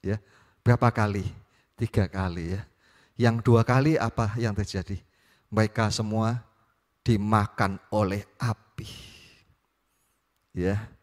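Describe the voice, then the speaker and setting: A man's voice: lowish voice, fairly even intonation, slow, long pauses. A male preacher, reading scripture and teaching with frequent questions to his listeners. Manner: questioning, repeats "ya" often. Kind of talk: Bible reading and sermon. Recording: echoey hall.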